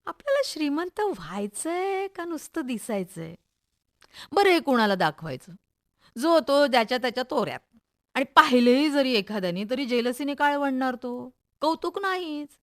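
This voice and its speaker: A middle-aged, middle-class mother in a radio monologue. Her voice sits fairly high, with a Maharashtrian accent and an expressive, wry, gossipy way of confiding in the listener. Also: normal speed. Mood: wry complaining.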